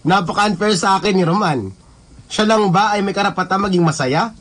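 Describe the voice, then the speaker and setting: A man's voice: sits high, fairly quick, fairly bright tone. A man narrating a love story in the first person on a radio drama program, with music behind him.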